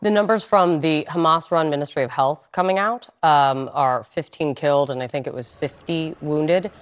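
A woman with a low voice and a standard American accent anchors a live news interview. She questions in a measured, probing way, like a broadcast journalist at work.

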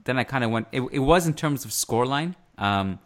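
A man hosting a sports podcast in a casual discussion style, measured and pausing mid-phrase as he works through his thoughts. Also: medium pitch, lively intonation.

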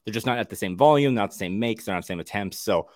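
A man co-hosting a sports podcast in casual chat, talking quickly and wryly, with many restarts. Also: lowish voice, lively intonation, a little mellow, dry recording, studio quality.

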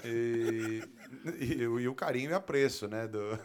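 A man's voice: mid-range voice, measured pace. A man with a Brazilian accent chatting casually as a talk show guest, telling stories in a joking, self-deprecating way. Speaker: talk show guest, actor and football commentator. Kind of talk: casual chat.

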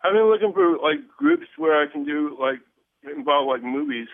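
A shy man in his forties calling in over the phone, speaking haltingly with restarts. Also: fairly high pitch, big pitch swings, vocal fry, no echo. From United States. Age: 40s. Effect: heard over a phone line. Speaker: caller. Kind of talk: call-in advice request. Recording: tinny phone line.

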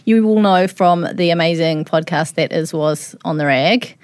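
A woman's voice: fairly low pitch, moderate pace, darkish tone, no echo. A woman with a New Zealand accent casually hosting a studio panel podcast in an informal, jokey way. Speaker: podcast host and manager.

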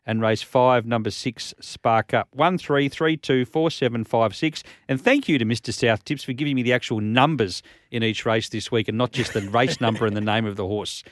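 A man's voice: mid-range voice, moderate pace, few pauses, no echo. A man with an Australian accent hosting a horse racing show, giving tips in a confident, assured tipster manner.

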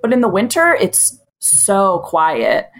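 A woman from Massachusetts chatting as a podcast guest, relaxed and frank, with lots of likes and ums. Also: medium pitch, slow pace. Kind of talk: casual chat.

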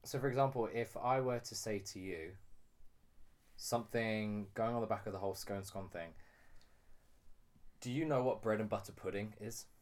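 British male co-host, lowish voice, chatty rambling explainer who laughs a lot. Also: moderate pace, pauses often. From United Kingdom. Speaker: podcast co-host. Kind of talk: casual chat.

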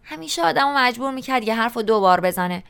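A woman's voice: a little high, expressive, creaky, fairly bright tone, clean tone. A woman narrating a novel in the first person, in a colloquial, conversational storytelling style. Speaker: audiobook narrator.

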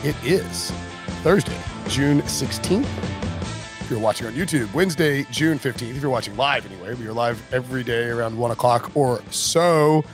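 A man's voice: mid-range voice, expressive, normal speed, music in the background. A man in his forties hosting a casual sports podcast, joking and teasing his co-host. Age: 40s.

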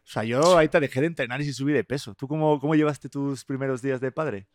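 A man in his thirties from Spain, with a Spanish accent softened by Mexican speech, hosting a casual podcast chat in a jokey, chatty way. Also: mid-range voice, dry recording, clean studio sound. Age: 30s. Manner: jokey, chatty, quick to laugh. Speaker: podcast host.

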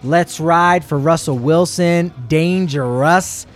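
A man's voice: a little high, takes it slowly, faint music behind. A man co-hosting a sports show, chatting casually and rambling through sponsor plugs with jokey asides.

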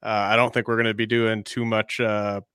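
Male podcast host, crisp and forward voice, casual halting delivery, very dry close sound. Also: on the low side, flat delivery, fairly bright tone, dry recording.

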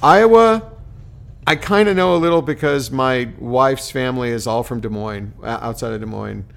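A man's voice: medium pitch, normal speed, vocal fry. A man co-hosting a casual sports podcast, rambling and playful as he interrupts himself. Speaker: podcast co-host.

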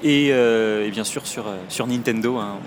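A man's voice: medium pitch, normal speed, background noise. A man hosting a live podcast episode from a trade show, chatty and friendly, with frequent fillers. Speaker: podcast host. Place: video game trade show.

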